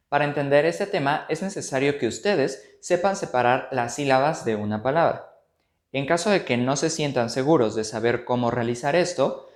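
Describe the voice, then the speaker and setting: A man's voice: fairly high pitch, reverberant. A man, a teacher giving a scripted grammar lesson and drawing example words out carefully.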